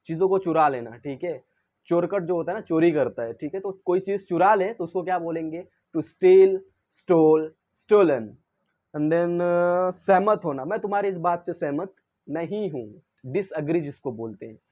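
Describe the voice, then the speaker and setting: A man with a high, darkish-toned voice teaches English verbs in Hindi in a classroom-style lesson, speaking a little slowly. He poses questions and answers them himself, reciting each verb's forms in English, and the audio has its highs cut off.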